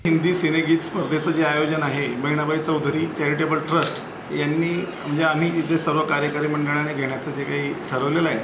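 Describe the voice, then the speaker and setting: A man's voice: fairly high pitch, flat delivery, brisk. A man speaking at a press conference for a charity, hesitant and searching for words. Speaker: charity trust official. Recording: echoey room with noise.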